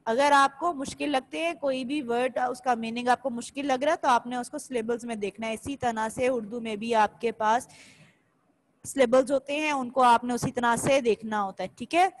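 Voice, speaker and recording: A woman's voice: a little high, fairly even intonation, moderate pace, poor audio. A woman teaching a class in a patient step-by-step way, often checking "theek hai?" and switching between Hindi and English. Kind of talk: recorded classroom lesson.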